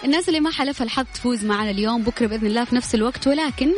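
A woman's voice: fairly high pitch, rapid-fire. A woman hosting a live radio quiz show, chatting informally and congratulating winners. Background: loud music.

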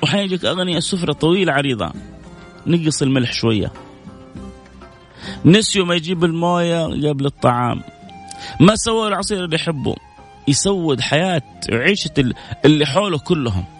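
A man's voice: fairly high pitch, expressive, a little fast, long pauses, soft background music. A man hosting a radio call-in show, giving earnest family advice and reading out listener messages.

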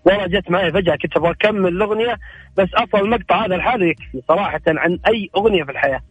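Higher-voiced male radio caller, dry. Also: rapid-fire, husky, no echo, muffled recording, faint music behind. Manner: warm and effusive, rattles off words. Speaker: caller who sings on air. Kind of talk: phone-in chat.

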